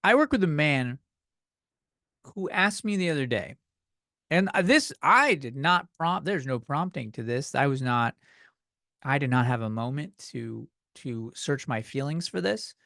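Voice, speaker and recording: A man's voice: a little high, expressive, measured pace, creaky, sharp tone, no room sound, clean studio sound. A man in his thirties hosting a solo comedy podcast, rambling and swearing as he rants. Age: 30s. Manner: rambling, profane, self-deprecating. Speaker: podcast host.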